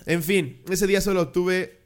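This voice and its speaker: A man with a Mexican Spanish accent trades crude jokes and slang as he reads out listener anecdotes. His voice sits a little high. The talk is loose and casual, podcast-style. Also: steady tone, normal speed, smooth. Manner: crude, joking, heavy slang. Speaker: podcast co-host. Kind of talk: casual banter, reading listener stories.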